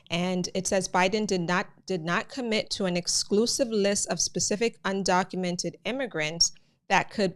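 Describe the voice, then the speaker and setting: A Jamaican woman with a fairly low, clear, resonant voice hosts a live immigration news channel. She talks casually with her viewers, often calling them "guys" and using many fillers.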